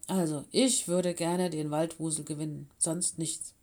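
A woman's voice: low voice, fairly even intonation, unhurried, mellow. A woman reading an audiobook, voicing a sulky, stubborn young female animal pupil. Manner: sulky, dismissive. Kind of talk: audiobook character voice.

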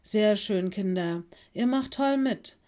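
A woman voicing an old female hedgehog teacher who is hard of hearing, speaking loudly and brightly. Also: medium pitch, takes it slowly, lightly acted. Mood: cheerful. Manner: loud, cheerful, mishears.

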